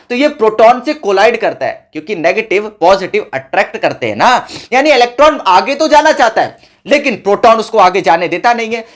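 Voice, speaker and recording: A man's voice: very high-pitched, a bit bright. A man teaching a school physics lesson in a casual, chatty way, talking to his students like friends and mixing in English terms. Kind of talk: casual classroom explanation.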